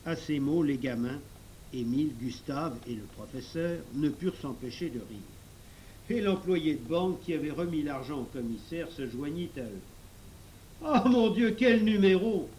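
A man reading a children's novel aloud in measured storybook narration. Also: on the high side, warm tone, a little hiss or hum, rough recording. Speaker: audiobook narrator.

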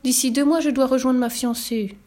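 A woman's voice: fairly high pitch, a little fast, darkish tone, voice pushed up, close to an everyday voice. Woman voicing a lovesick male giant, polite, naive, pleading, raised voice. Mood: earnest pleading. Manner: earnest, pleading, sometimes desperate.

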